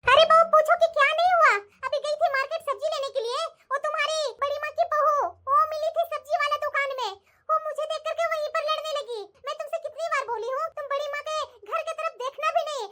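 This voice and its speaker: A woman's voice: extremely high pitch, steady tone, fast talker, bright, forceful tone. A woman voicing a bossy, quarrelsome middle-aged mother-in-law in a cartoon, scolding and boasting. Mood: complaining. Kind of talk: animated cartoon voice acting.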